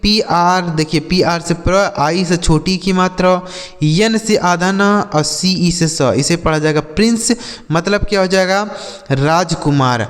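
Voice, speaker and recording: A man's voice: high-pitched, big-room sound, soft background music. A man teaching English words one by one, spelling each aloud, asking questions and answering them himself. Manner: slow and deliberate, spells letters and repeats each word. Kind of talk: word-by-word spelling lesson.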